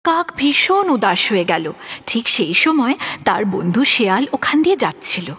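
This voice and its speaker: Woman narrator for kids' animated stories, lively and fairly high. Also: moderate pace, husky. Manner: expressive, addresses the young listener. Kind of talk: storybook narration for children.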